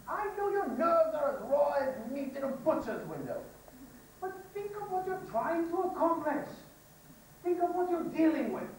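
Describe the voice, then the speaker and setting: A stage actor playing an impatient, pompous phonetics professor, lecturing briskly and exasperatedly. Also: high-pitched, a little hiss or hum. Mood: rousing. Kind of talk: amateur stage musical acting. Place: theater stage. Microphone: audience recording from far off. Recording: echoey theater hall, distant mic.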